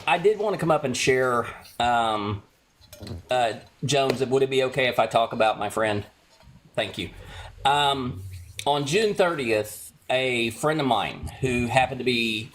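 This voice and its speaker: A man calling in to a live stream, telling a friend's story in a measured, hesitant way with many pauses. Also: mid-range voice, a bit bright. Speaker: caller. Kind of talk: telling a personal account.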